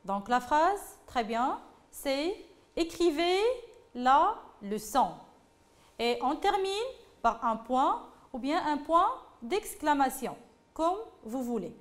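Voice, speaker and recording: Woman teacher, high lively voice, slow patient grammar lesson, repeats herself. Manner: slow and patient, repeats phrases, addresses pupils directly. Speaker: French teacher.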